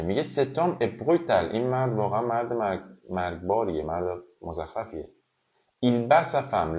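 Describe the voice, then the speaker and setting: Persian guy teaching french on a live stream, kinda low voice, muffled audio, says phrases slow then talks fast. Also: a little mellow. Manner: switches between slow, carefully spaced French and rapid Persian explanation; repeats example phrases for drilling. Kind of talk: live online language lesson.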